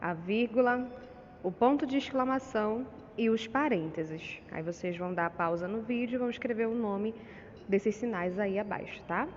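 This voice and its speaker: A woman teacher with a Brazilian Portuguese accent talks her pupils through a lesson, patient and steady, checking in often with little questions. Her voice sits at an ordinary middle pitch. The sound is dull and lo-fi, with a long reverb tail and a faint hiss behind her. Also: normal speed. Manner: patient, with frequent "tá?" and "né?" check-ins.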